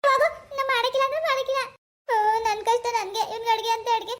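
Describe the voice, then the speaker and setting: A woman voicing a self-pitying, sharp-tongued village wife in a cartoon, lamenting and scolding. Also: extremely high pitch, little pitch movement, quick pace. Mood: snapping. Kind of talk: Kannada cartoon voice acting.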